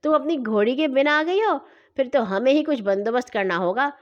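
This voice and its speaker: A woman voicing a jolly man who judges a horse show, hearty and brisk, in a storybook. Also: high voice, lively intonation, muffled recording.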